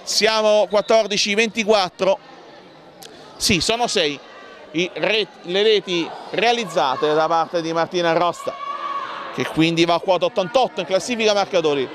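A man giving excitable live handball commentary, calling out names and plays in bursts. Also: sits high, normal speed, a crowd in the background, noisy background. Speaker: sports commentator.

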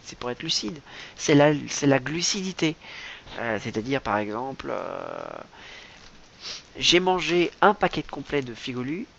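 Gravelly guy rambling in a silly deadpan monologue, stutters a lot, muffled lo-fi recording w/ hiss. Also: mid-range voice. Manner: rambling, stammering, mock-serious. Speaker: comic vlogger. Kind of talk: absurd improvised comedy monologue. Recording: dull lo-fi with faint hiss.

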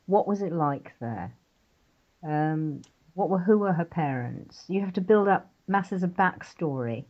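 Speaking a little slowly in a lowish, expressive voice, this older woman from England is an author guest in a relaxed interview. She chats with animation and frequently breaks into laughter, heard over flat, lo-fi internet radio sound.

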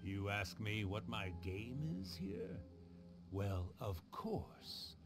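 A man's voice: very animated, drawn-out words, music in the background, exaggerated voice. A man voicing a mischievous spirit writer who hams it up as a cackling villain. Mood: sinister. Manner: theatrical, booming villain laughs. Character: mischievous spirit author, theatrical fake villain. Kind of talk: game cutscene voice acting.

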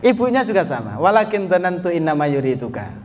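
A man's voice: fairly high pitch, sing-song, fast talker, darkish tone. A man preaching a storytelling sermon to a study group, chatting with the audience, asking them questions and calling them sir. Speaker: Islamic preacher. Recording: long hall reverb, faint background noise.

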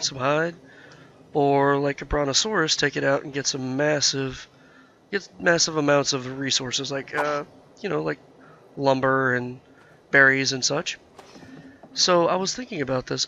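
A man narrates his own gameplay in casual let's-play fashion, thinking out loud and filling gaps with lots of fillers. Being sick makes his fairly high, pushed and bright voice nasal and scratchy with vocal fry, and the sound is lo-fi.

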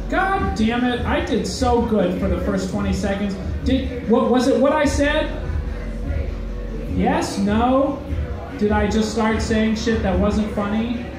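A man's voice: high voice, takes it slowly, music in the background. A young man doing a stand-up set in a comedy club, self-deprecating and hesitant, with lots of uhs. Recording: echoey club, mic heard from far off. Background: crowd laughter and heckles.

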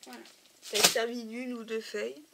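A woman's voice: on the high side, flat delivery, normal speed, vocal fry. A woman chatting casually as she shows off craft supplies for sale, with lots of "euh" and "voilà". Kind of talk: casual show-and-tell video. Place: home craft room. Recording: noisy home recording, crinkling packets.

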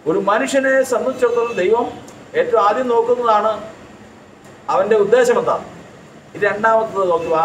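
High-voiced man preaching in an echoey hall. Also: slight background noise. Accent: Keralite. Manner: rhetorical questions answered himself, emphatic repetition. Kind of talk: sermon. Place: church hall. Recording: echoey hall, distant mic.

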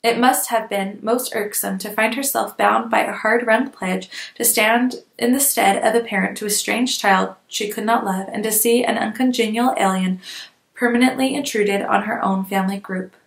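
A woman narrating a classic novel aloud in a measured, expressive reading. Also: medium pitch, gravelly, roomy sound. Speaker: audiobook reader. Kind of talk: literary audiobook narration.

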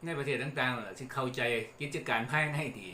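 A middle-aged man with an Isan accent, hosting a relaxed lesson on old regional words and chuckling between points. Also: mid-range voice, fast. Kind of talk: casual explanatory talk. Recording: echoey room with faint background noise.

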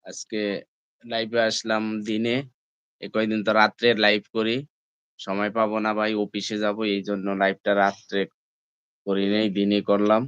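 A man hosts a casual live stream from his phone. His voice comes through smooth and clear, with a dry, close sound and no room echo. He keeps nudging viewers, calling them brother and friends. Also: fairly low pitch, monotone, normal speed, pauses often, fairly bright tone, lo-fi sound. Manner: repeatedly asks viewers to comment and like. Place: indoors, at home.

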